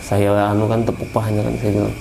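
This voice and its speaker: Mellow-voiced man telling a ghost story. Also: lowish voice, fast, creaky, a little hiss or hum, low-quality recording. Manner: animated, repeats phrases, keeps addressing the listener. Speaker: storyteller recounting his own experience. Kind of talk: casual first-person ghost story.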